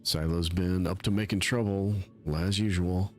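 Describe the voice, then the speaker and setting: A man's voice: low voice, fairly even intonation, moderate pace, faint music behind. A man streaming a game live, rambling in a self-mocking way and chatting with his viewers. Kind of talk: casual live-stream commentary.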